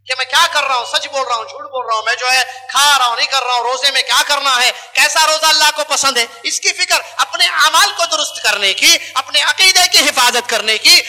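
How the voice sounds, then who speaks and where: A man's voice: very high-pitched, sharp tone. A male preacher, delivering an emphatic sermon full of rhetorical questions.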